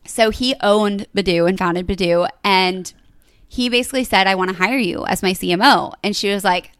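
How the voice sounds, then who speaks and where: A woman's voice: medium pitch, moderate pace, smooth, dry recording. Young woman podcast co-host, chatty storyteller, lots of "like", dry closely miked sound. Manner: chatty, fills speech with "like". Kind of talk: casual chat, retelling a story.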